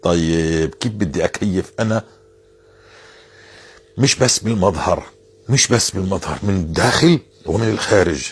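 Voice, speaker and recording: A man's voice: sits low, moderate pace, long pauses, breathy edge. A man giving informal religious advice, earnest and insistent, repeating phrases to drive his point home.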